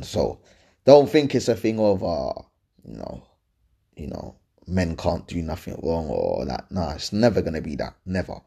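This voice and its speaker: A low-pitched, creaky voice, warm but slightly rough, belongs to a London podcast host with an urban roadman accent and slang. Answering listener questions on his casual advice show, he speaks emphatically and colloquially, often repeating things and checking that listeners understand.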